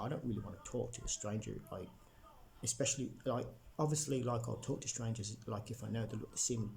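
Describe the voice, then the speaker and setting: Young man from the Midlands, casual vlog monologue, rambling with constant fillers; gravelly and dark. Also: on the low side, slight background noise. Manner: rambling, lots of fillers and restarts. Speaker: vlogger.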